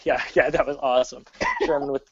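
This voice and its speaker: Rambling excited fan on a dull call. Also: male voice, medium pitch, a little fast, a loud crowd. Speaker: guest. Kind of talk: casual sports chat.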